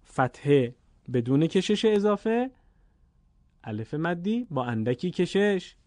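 A man's voice: fairly high pitch, big pitch swings, darkish tone, dry recording. A man with a Persian accent teaching Quranic Arabic vowel lengths, patiently drawing out each sound in a classroom-style lesson. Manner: patient, repeats sounds slowly and deliberately.

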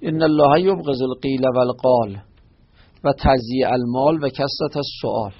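The speaker, a man whose mid-range voice is husky and gravelly, patiently explains a religious lesson, quoting short Arabic phrases before glossing each. Restarts and self-corrections are common as he breaks off mid-word, and the audio has a dull, lo-fi quality.

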